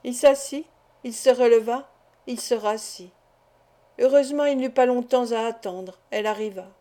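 Brief: female audiobook narrator, measured steady reading, fairly high mellow voice. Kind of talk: scripted narration of a classic novel.

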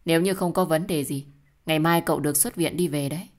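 A woman's voice: sits low, steady tone, quick pace, lightly acted. A woman voicing a kind young doctor friend who coaxes a patient to eat and rest, in an audio story. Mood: coaxing. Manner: warm, coaxing, insistent.

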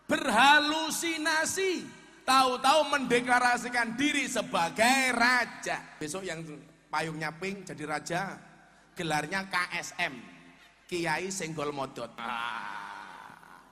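A Javanese-accented male preacher delivers a comic sermon in a forceful, high voice. He is animated, slips into regional dialects and shouts out his punchlines. The sound rings with a long hall reverb over a faint noise floor. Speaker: Islamic preacher. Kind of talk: humorous sermon.

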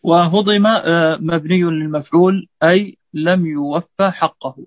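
A man's voice: fairly high pitch, steady tone, measured pace, no room sound. Hesitant man reading in class. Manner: hesitant, reads with fillers and restarts. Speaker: student. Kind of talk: reading a grammar text aloud and answering in class. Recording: dull lo-fi dry recording.

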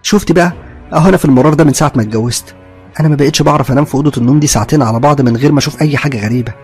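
A man doing a desperate young Egyptian wife, pitched well above his own voice and loud. Her indignant, pleading words come fast, with a raspy catch. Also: faint music behind. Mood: upset. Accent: Egyptian Arabic.

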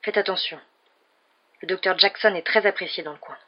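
A reader, likely a woman, voicing a calm, firm male police officer, on a dull lo-fi recording. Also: mid-range voice, brisk, close to an everyday voice.

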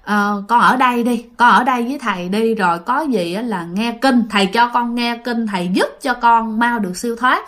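A woman quoting a kindly older male spirit master, speaking in a gentle, coaxing way. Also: a little high, moderate pace, few pauses, close to an everyday voice.

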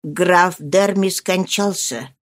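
Woman reading a sober male doctor, measured slow delivery, audiobook. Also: on the low side. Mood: grave. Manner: measured, slow and matter-of-fact. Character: male doctor, calm and grave.

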